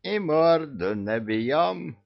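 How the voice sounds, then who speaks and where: Man voicing Koschei, gravelly drunken old villain. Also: a little high, lively intonation, extremely slow, lo-fi sound, pitched above the performer's own voice, heavily acted. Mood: drunken glee.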